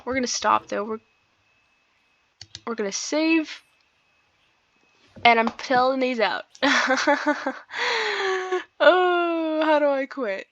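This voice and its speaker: Speaking in a high, a bit bright voice with lively intonation, a woman hosts a let's play at a slow pace with long pauses. Her casual commentary is giggly and chatty, full of informal asides and some read-aloud narration. A dull lo-fi mic captures her with game music behind.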